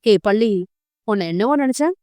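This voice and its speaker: A woman voicing a domineering young husband with a low, pressing, rough-tongued manner. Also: lively intonation, moderate pace, warm tone, no room sound, clean studio sound, natural voice.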